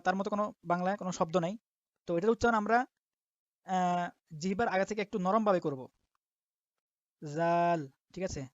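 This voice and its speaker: A woman teaching the Arabic letters step by step as a Quran teacher, patiently repeating each sound slowly. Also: fairly low pitch, dry recording. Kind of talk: step-by-step alphabet lesson. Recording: dull lo-fi dry recording.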